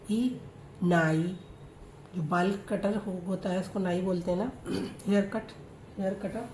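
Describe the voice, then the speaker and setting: Brief: woman teacher, slow and deliberate spelling-out delivery, echoey room, faint background noise. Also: mid-range voice, warm tone. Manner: spells out letters slowly, then blends them into words. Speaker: Urdu reading teacher. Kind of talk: slow spoken reading lesson.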